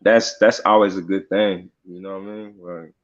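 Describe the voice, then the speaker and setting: A man's voice: low-pitched, little pitch movement, moderate pace, lo-fi sound. A man guesting on a podcast, talking in a laid-back, profane way with lots of fillers. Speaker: rapper guest. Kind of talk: casual podcast interview.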